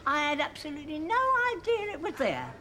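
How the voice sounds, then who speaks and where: Matter-of-fact daft bingo lady, earthy comic storytelling, high bouncy voice, noisy room. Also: wildly swooping pitch, brisk, a bit bright, heavily acted. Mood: breezy, amused.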